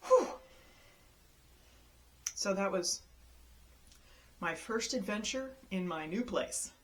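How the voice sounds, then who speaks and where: A woman casually telling a personal story, lively and exasperated, mimicking the people she quotes with big leaps in her voice. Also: slow. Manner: animated, acts out quoted people with jumps in pitch; exasperated retelling of a travel mishap.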